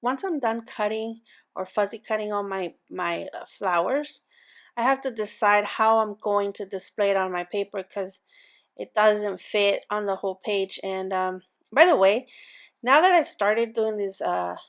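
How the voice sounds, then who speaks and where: This crafting channel host talks a little slowly in a mid-range voice, with a non-native English accent. Her casual tutorial is chatty and meandering, packed with fillers and restarts.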